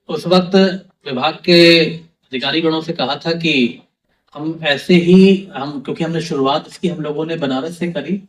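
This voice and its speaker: A man giving an emphatic public speech, pausing and restarting as he talks. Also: fairly high pitch, recorded from a distance, poor audio. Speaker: public speaker.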